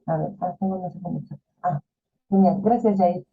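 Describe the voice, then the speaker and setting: Speaking at a moderate pace in a steady, fairly low voice, a woman conducts an online class, chatting her way through explanations with fillers and rhetorical questions. It's recorded on a video call, with tinny, phone-like sound.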